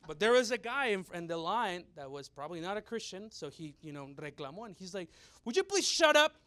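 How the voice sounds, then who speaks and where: Animated bilingual young man preaching. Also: sits high, a little fast. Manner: switches between English and Spanish, animated mimicry of loud women. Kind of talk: bilingual church teaching, storytelling.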